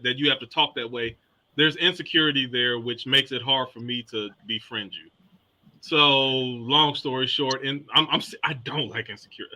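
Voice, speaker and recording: Bright-voiced man, deliberate and repetitive. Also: fairly high pitch. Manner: deliberate, repeats words while building an argument. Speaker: panelist. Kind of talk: casual live panel talk.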